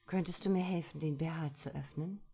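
A bold, coquettish middle-aged woman, as the female reader puts her on, teasing and unbothered. She lilts higher and livelier than the narrator's low reading voice. She sounds like a seductress straight out of an erotic audiobook. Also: fairly quick, vocal fry, dark tone, husky, full character voice. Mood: polite.

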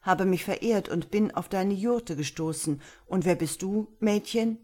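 A woman's voice: medium pitch, unhurried, warm tone, natural voice. A woman voicing a young orphan boy who speaks earnestly, in a storybook reading. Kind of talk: audiobook reading.

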